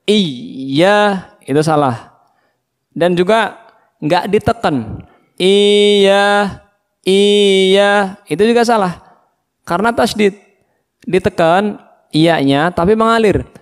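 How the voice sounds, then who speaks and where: A man with an Indonesian accent teaching Quran recitation, drawing out each verse slowly and patiently correcting single syllables in call-and-repeat drills. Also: sits high, expressive. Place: mosque hall. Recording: long mosque reverb.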